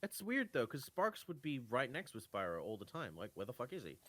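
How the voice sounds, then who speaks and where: A man's voice: medium pitch, very animated, a little fast, a bit bright. A man in a casual chat about games, blunt and swearing freely.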